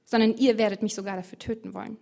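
A woman's voice: mid-range voice, fairly even intonation, rapid-fire, vocal fry, dark tone, close to an everyday voice. A woman voicing an earnest male preacher figure, speaking emphatically in a declaiming way. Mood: earnest, insistent.

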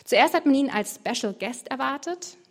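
Lively woman giving colloquial Bible commentary. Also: high voice, normal speed. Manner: lively, colloquial, rhetorical questions. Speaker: bible teacher.

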